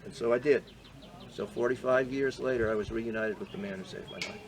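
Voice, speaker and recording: A man in his seventies from the Boston area, a veteran being interviewed, telling his story in a measured, earnest way with frequent hesitations. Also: medium pitch, a crowd in the background. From Boston area, USA. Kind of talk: reflective personal storytelling.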